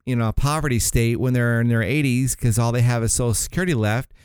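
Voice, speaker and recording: A man's voice: mid-range voice, fast, a little mellow, smooth, dry recording. A man hosting a talk radio show, explaining retirement planning in a rambling, conversational way and often restarting words.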